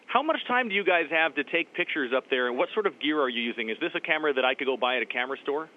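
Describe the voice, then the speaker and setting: A man's voice: a little high, expressive, very fast. A man working as an interviewer, asking chatty, inquisitive questions in a conversational way. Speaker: TV station interviewer. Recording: tinny phone-like line, faint noise.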